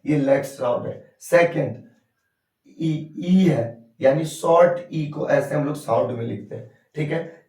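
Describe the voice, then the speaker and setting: A man's voice: a little high, a little mellow. A male English grammar teacher giving a lesson, often asking a question and then answering it himself. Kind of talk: classroom lesson. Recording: echoey room from far off.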